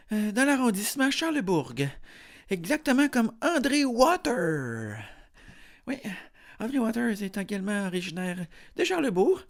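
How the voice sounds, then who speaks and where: A young man with a Quebec French accent talks alone as a podcast host. He plays it as a dry mock interview, rambling along and stumbling over hesitations as he goes. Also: very high voice. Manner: deadpan, rambling, full of hesitations.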